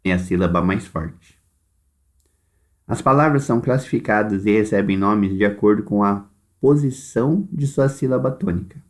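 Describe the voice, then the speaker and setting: A man's voice: fairly low pitch, moderate pace. A Brazilian man teaching a primary class by recorded video, dictating instructions and stretching words out syllable by syllable. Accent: Brazilian Portuguese.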